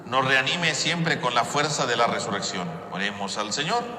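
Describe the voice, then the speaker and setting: A man's voice: mid-range voice, animated, moderate pace, crowd noise. A man preaching at Mass as a priest, often adding "¿verdad?", heard with a cathedral echo. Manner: preaching with frequent "¿verdad?" tags. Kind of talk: homily and prayers at Mass. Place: large church. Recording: echoey church with long reverb.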